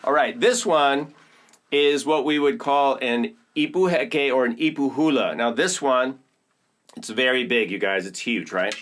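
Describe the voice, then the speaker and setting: This Oakland, California man teaches percussion in a casual demonstration, walking viewers through the instruments with cheerful enthusiasm. He speaks at a measured pace in a mid-range, fairly bright voice.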